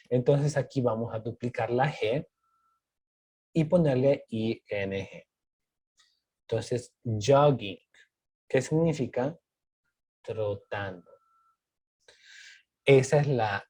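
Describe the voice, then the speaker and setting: A man's voice: medium pitch, dark tone, slightly rough. A male teacher patiently explaining grammar rules step by step, asking and answering his own questions. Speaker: English teacher.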